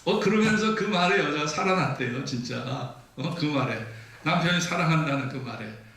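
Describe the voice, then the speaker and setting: The man preaching this sermon has a voice on the high side, fairly bright, with lively intonation and normal speed. As pastor in a church sanctuary, he tells stories and acts out the people's lines, caught by a far-off mic in the echoey hall.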